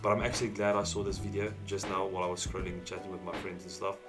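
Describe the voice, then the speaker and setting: A man hosting a casual, slangy reaction video, keeping his voice down quietly because it is late and others are asleep. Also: deep voice, little pitch movement, very fast, over music. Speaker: YouTube host reacting to videos.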